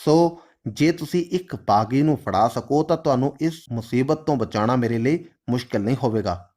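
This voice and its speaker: A man voicing a stern, formal male official who speaks in a measured, lawful way. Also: mid-range voice, darkish tone, close to an everyday voice. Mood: coaxing. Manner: formal, measured, Urdu-flavored phrasing.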